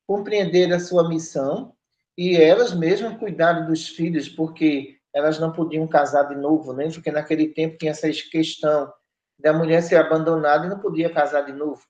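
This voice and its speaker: A woman's voice: deep voice, normal speed, a little mellow. A woman lectures firmly as a spiritual counselor, scolding and driving her points home with tag questions. The recording is roomy and muffled. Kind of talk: spiritist study podcast talk. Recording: roomy, dull lo-fi sound.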